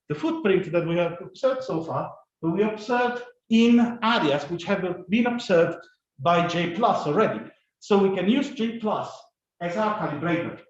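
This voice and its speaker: Man, fairly high voice, conference talk, halting with many ums, very echoey dull recording. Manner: fast, halting, many fillers and restarts. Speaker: conference speaker. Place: conference room or lecture hall.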